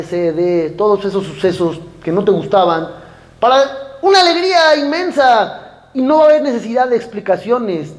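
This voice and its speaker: A man giving a sermon as a rabbi, telling a story with lively acted-out dialogue and speaking directly to his listeners. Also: sits high. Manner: animated storytelling, acting out dialogue, addressing the audience directly.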